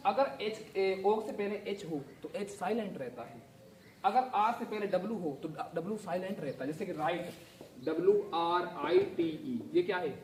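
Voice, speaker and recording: A teacher leads a grammar lesson, spelling words letter by letter and quizzing the class, whose students answer back. The medium-pitched voice is animated, moderately paced and a little mellow, recorded from far off in an echoey classroom with slight hiss or hum.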